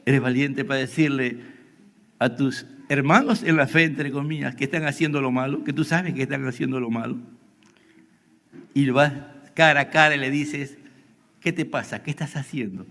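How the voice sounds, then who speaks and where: A man's voice: medium pitch, fairly even intonation, moderate pace, vocal fry, a bit bright. A male pastor preaching a sermon to a youth service, often checking in with the congregation through rhetorical questions. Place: church hall. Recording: livestream in a reverberant church hall.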